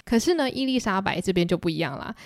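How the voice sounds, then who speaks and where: A woman hosting a podcast, casually retelling a novel in a chatty, animated way. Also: medium pitch, fast, no echo, clean studio sound. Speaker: podcast host. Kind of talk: casual book-club retelling.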